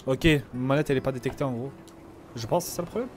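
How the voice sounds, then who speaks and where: A man's voice: mid-range voice, fast talker, a little mellow, faint music behind. A young man from France giving casual, jokey commentary while playing a video game, full of slang and banter. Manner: reads tutorial text aloud. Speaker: gamer streamer. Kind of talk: casual let's play commentary.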